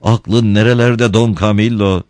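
A man voicing Christ as a patient, gently ironic divine speaker. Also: on the low side, steady tone, unhurried, dry recording, studio quality, voice pushed up, close to an everyday voice. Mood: calm.

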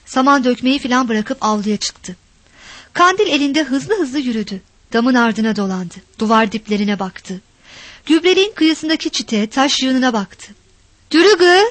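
High-voiced woman reading a story. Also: animated, normal speed, fairly bright tone, no echo. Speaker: narrator.

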